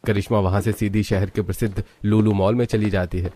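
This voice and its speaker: A man narrating a cartoon story in a steady storytelling manner. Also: on the low side, a little fast, a little hiss or hum.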